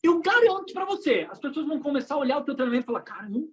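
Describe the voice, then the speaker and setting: A Brazilian-accented woman leads an online coaching talk for would-be trainers and speakers. Her voice sits a little high and leaps up and down in pitch. She punches some phrases out loudly and then drops to a hushed low. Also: rapid-fire. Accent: Brazilian Portuguese. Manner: animated, swings between loud emphasis and hushed lows.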